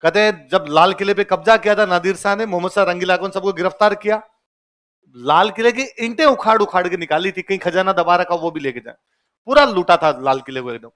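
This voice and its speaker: Male teacher with a high voice, classroom lecture, repeats points in two languages, asks the class quick questions, tells stories playfully. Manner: lively storyteller, often laughing.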